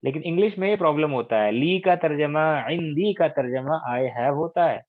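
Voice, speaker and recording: A man from India teaching Arabic grammar in an online lesson, explaining patiently, checking understanding often and drilling words slowly. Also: fairly high pitch, no room sound. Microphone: online call. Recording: tinny phone-like call audio.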